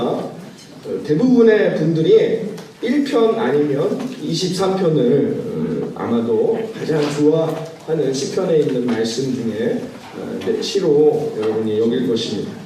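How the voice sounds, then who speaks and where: A male pastor preaching a sermon, pausing often and putting questions to his congregation. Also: on the high side, animated, mellow, a little hiss or hum. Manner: measured, with frequent "uh" pauses. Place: church sanctuary. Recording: very echoey church hall, mic at a distance.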